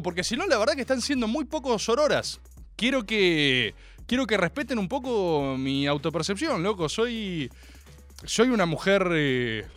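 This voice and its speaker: A man's voice: sits high, a bit bright. A young man with a Rioplatense Spanish accent hosting a comedy radio show from a studio. He delivers a mock-serious, exaggerated ironic rant. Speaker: radio host. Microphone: studio microphone.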